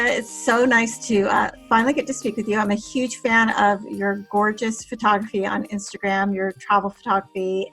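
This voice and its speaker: A woman with a fairly high voice hosts a casual interview podcast. She sounds eager and effusive, piling on warm compliments as she draws out her guest. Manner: enthusiastic, gushing. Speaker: podcast host.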